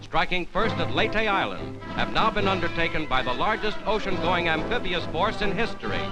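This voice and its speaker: A man's voice: sits high, big pitch swings, moderate pace, low-quality recording. A man narrating a 1940s newsreel in an emphatic, dramatic declaiming manner, with old newsreel sound. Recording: wartime newsreel with loud music.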